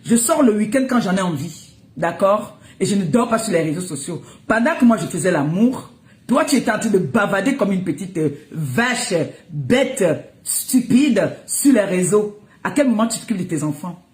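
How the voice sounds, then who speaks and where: A woman's voice: medium pitch, lively intonation, moderate pace, echoey room. A woman, ranting and scolding someone on social media, mocking and breaking into laughter. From Cameroon. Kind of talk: heated live rant.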